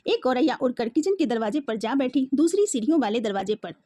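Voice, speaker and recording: A woman's voice: high-pitched, sing-song, brisk, mellow, dry recording. A woman teacher reads a story aloud and retells each part in simpler words, with English words mixed in. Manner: mixes English words into the explanation. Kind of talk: reading a story aloud and explaining it.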